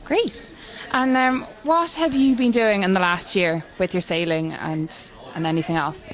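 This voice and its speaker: A woman interviewing people at an event, asking cheerful, brisk questions. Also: mid-range voice.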